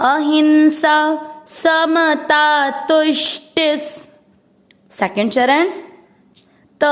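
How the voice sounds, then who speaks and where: A woman teaching Sanskrit verse pronunciation, patiently breaking words into syllables and stretching out each sound. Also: on the high side. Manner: patient, drawing out syllables and repeating each word. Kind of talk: slow syllable-by-syllable pronunciation lesson.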